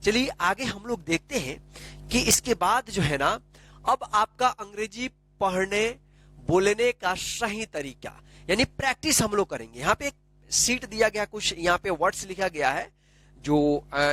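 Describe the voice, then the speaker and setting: A man's voice: sits high, expressive, a little slow, sharp tone. A man teaching a phonics lesson, spelling words out letter by letter and asking and answering his own questions. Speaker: English teacher.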